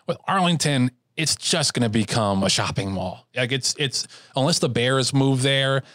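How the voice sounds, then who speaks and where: A man's voice: medium pitch, normal speed, a bit bright, dry recording, studio quality. A man co-hosting a podcast, talking casually and getting heated, with many restarts and fillers. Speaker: podcast co-host. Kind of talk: casual chat.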